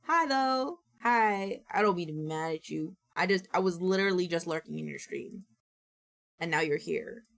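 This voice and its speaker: A woman streamer chats casually with viewers, playfully exasperated and cursing freely. Her low, gravelly voice is a little worn and nearly gone from strain. She talks a little fast with fairly even intonation.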